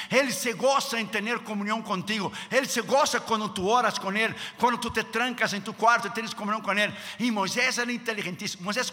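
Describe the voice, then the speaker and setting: A male preacher with a high, strikingly bright, piercing voice, delivering a dramatic sermon. He shifts between emphatic declarations and hushed, lowered asides. The sound rings with a long church hall reverb. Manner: dramatic, acts out quotes in lowered voices, drops to a hush.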